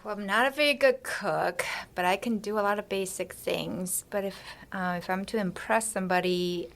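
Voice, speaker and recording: A woman originally from Taiwan, a doctor and podcast guest, answering casual questions in a relaxed, modest way, often trailing off softly. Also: mid-range voice, normal speed, gravelly. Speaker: physician guest. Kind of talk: casual interview chat.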